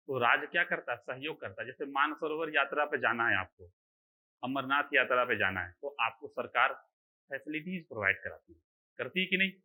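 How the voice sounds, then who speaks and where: A man's voice: on the high side, sharp tone, poor audio. A man teaching an online exam-prep class, asking rhetorical questions and answering them himself, and often checking that students follow. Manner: keeps checking that students understand.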